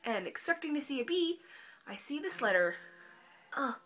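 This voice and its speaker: A woman's voice: sits high, sing-song, normal speed, fairly bright tone, faint music behind. A teenage girl in her late teens telling a story to camera in a casual, dramatic, self-mocking way, acting out her own panicked quotes. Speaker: high school student vlogger.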